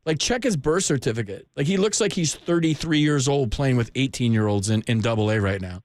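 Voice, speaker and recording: An American man hosts a sports call-in radio show, chatting casually with callers in an informal, joking, slangy way. His medium-pitched voice is fairly quick with lively intonation. A close studio microphone captures him with no room sound.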